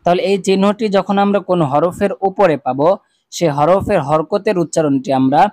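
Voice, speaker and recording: A man's voice: high-pitched, a little mellow. Patient male Quran reading teacher. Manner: patient, repeats each rule and sound slowly for viewers to echo. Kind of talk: step-by-step recitation lesson.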